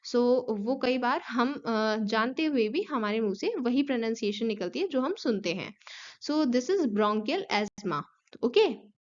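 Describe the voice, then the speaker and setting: A woman's voice: fairly high pitch, lively intonation, takes it slowly, highs cut off. A woman with an Indian accent teaching an online class, explaining steadily with frequent fillers and English terms.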